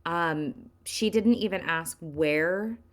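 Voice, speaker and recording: A woman's voice: fairly low pitch, slow pace. A woman in a live game roleplay, voicing a flustered, apologetic witness who talks with hesitant fillers. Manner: hesitant, apologetic, says she sounds sarcastic.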